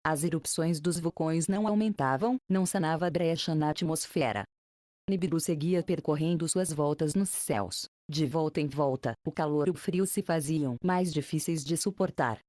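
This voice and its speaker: A woman narrating an ancient epic in low, mellow tones. She reads in a measured, formal manner, phrase by phrase, and the recording is dry and close. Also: dry recording. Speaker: audiobook narrator.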